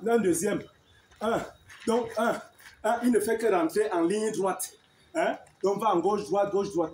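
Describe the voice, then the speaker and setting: A high-voiced male martial arts teacher leads a partner through defensive drills. He counts each move aloud and keeps checking in with a quick "hein?". The sound is roomy, with a faint hiss behind it. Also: darkish tone. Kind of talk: combat technique demonstration. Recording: echoey room with faint noise.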